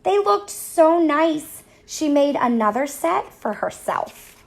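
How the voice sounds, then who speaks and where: A woman reads a picture book aloud to young children. Her voice sits on the higher side and rises and falls in a sing-song way. She reads slowly and with clear expression. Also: big pitch swings. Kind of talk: read-aloud storybook narration.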